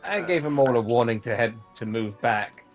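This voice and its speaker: A man's voice: mid-range voice, lively intonation, normal speed. A man playing a tabletop game with friends, joking and laughing, with faint music behind. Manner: playful, laughing. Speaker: player. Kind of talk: casual chat.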